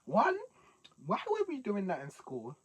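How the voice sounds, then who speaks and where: Young british video host, super animated pitch, mid-range voice, chatting casually and reacting in slang, all incredulous. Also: unhurried, slightly rough.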